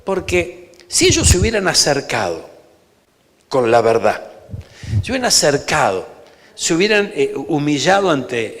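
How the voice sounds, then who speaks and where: A man with an Argentine Rioplatense accent, a pastor preaching an emphatic sermon in a church and often calling for amens. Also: medium pitch. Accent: Argentine Rioplatense Spanish. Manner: emphatic preaching, peppered with calls for amen. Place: church sanctuary. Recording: reverberant church hall.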